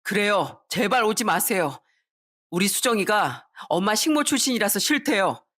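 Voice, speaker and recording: A woman's voice: medium pitch, animated, moderate pace, a bit bright. A woman voicing an arrogant adult son who talks back coldly and cuttingly to his parents. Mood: cold defiant. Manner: cold, cutting.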